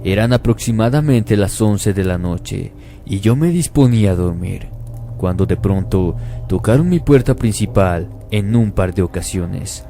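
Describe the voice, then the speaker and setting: Dark, low-voiced male horror narrator. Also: expressive, measured pace, soft background music. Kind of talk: scripted first-person horror narration.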